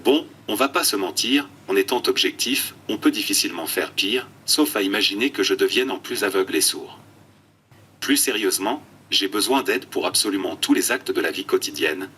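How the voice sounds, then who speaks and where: A man's synthetic text-to-speech voice giving prepared interview answers in an even, robotic, scripted way. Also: lowish voice, normal speed, distant mic, slight background noise. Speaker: interview guest.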